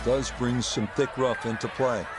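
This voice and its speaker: A man giving measured, descriptive golf commentary as the lead play-by-play voice. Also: medium pitch, steady tone. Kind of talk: sports commentary. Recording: loud music and crowd behind voice. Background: music, crowd, outdoor ambience.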